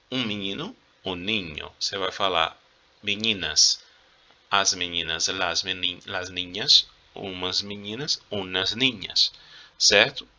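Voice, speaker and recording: A male Spanish teacher with a Brazilian Portuguese accent giving a recorded review lesson, explaining slowly and checking in with his students, coughing now and then. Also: low-pitched, vocal fry, sharp tone, highs cut off. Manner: explains slowly, checks in with "tá?" and "beleza?", playful teasing.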